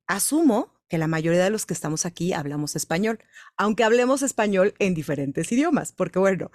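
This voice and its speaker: A Mexican woman, a voice-over professional, speaks from the stage in an engaging way, often turning questions back to her listeners. Her voice sits at an ordinary middle pitch, and the sound is dry, with little room echo. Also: darkish tone. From Mexico City, Mexico. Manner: engaging, questions the audience directly. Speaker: voice-over artist giving a talk. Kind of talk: conference talk.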